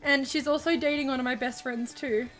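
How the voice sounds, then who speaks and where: A woman's voice: high voice, fairly even intonation, a little fast, a bit bright, soft background music, low-quality recording. A woman chatting casually to her livestream viewers, effusive and giggly, swearing freely, hiccupping and short of breath as she talks. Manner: hiccupping while talking.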